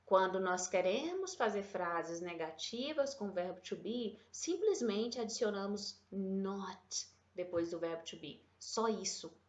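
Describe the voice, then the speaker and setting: A woman English teacher giving a chatty, affectionate online grammar lesson, slowing right down when she models English example sentences. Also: medium pitch, lively intonation. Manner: chatty, affectionate, calls viewers "meu bem" and "gente". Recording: echoey room, slightly dull sound.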